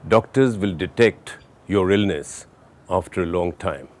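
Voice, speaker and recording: A man's voice: sits low, unhurried, a little mellow. A man explaining firmly and plainly in an interview. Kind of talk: explanatory talk.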